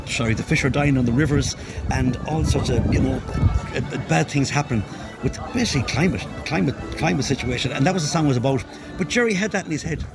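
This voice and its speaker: A man with a west of Ireland accent reminiscing casually in a tribute, rambling and repeating phrases for emphasis. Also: mid-range voice. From Galway, west of Ireland. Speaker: interviewee, local musician.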